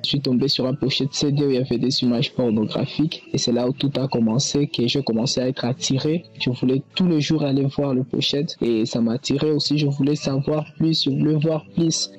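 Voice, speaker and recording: Congolese man giving a halting testimony. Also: medium pitch, lo-fi sound. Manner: halting, with filler pauses. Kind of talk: spoken testimony.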